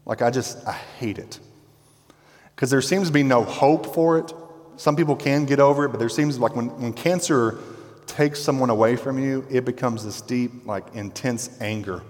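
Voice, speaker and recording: A pastor preaching a sermon in a conversational, emphatic way, dropping to quiet intensity on key words. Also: male voice, medium pitch, normal speed. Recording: long reverb from a hall.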